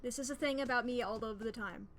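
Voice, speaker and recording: A woman's voice: on the high side, quick pace, slight background noise. A woman doing live commentary on a horror game as a streamer, complaining and swearing freely as she plays. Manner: profane, complaining, ranting.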